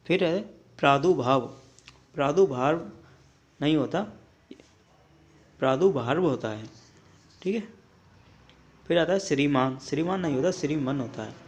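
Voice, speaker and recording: A young man with a slightly raised pitch works through a spelling drill, word by word. He says the wrong form, then the right one, halting on hard syllables and checking in with a quick "okay" between items. The delivery is a steady, repetitive classroom style. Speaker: Hindi teacher. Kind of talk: spelling lesson for exam prep.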